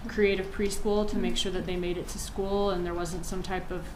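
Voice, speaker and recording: A woman's voice: lowish voice, flat delivery, normal speed, background noise. Woman lawyer questioning a witness. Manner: formal, pointed questioning. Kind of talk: courtroom examination. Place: courtroom.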